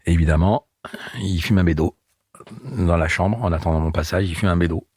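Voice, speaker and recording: Husky low-voiced man telling stories. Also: a little fast, no room sound, studio quality. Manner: animated anecdotes with voiced quotes and laughter. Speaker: guest comedian. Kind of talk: casual storytelling.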